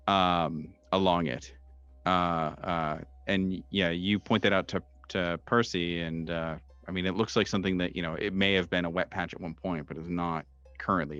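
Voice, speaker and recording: A low-pitched man runs a tabletop horror session as game master, describing scenes in halting, tentative phrases. His tone is fairly bright, clear and resonant, and the dry, somewhat dull, lo-fi recording has no room sound.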